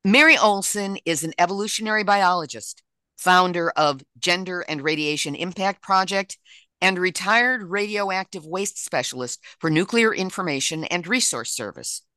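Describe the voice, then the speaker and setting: A woman interview host asks formal, measured questions. Her voice is bright and crisply clear. The recording is close and dry, with no room sound. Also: fairly low pitch, dry recording.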